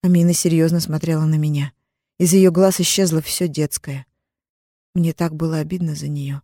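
A woman narrating a first-person story as an audiobook, in a calm, even storytelling manner. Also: low voice, normal speed, no echo, clean studio sound.

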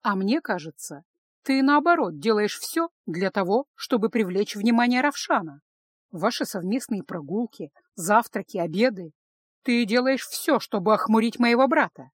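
A woman's voice: mid-range voice, lively intonation, moderate pace, no echo, close to an everyday voice. A woman reading an audiobook, voicing a jealous, haughty female snake-woman who speaks with scorn and threats. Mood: accusing. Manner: scornful and threatening, hissing warnings. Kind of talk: audiobook character voice.

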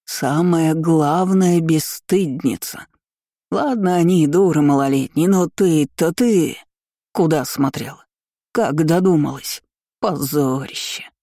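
A reader voicing a meddling old woman ghost in an audiobook, scolding in slow, drawn-out, shrill words. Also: animated, a little mellow, dry recording, clean studio sound. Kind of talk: audiobook role reading.

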